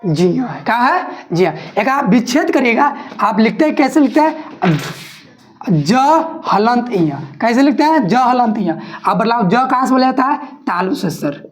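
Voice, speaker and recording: Female teacher, higher pitch, repetitive question-and-answer exam-prep delivery. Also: sing-song, normal speed. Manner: asks questions and answers them herself, repeating each point.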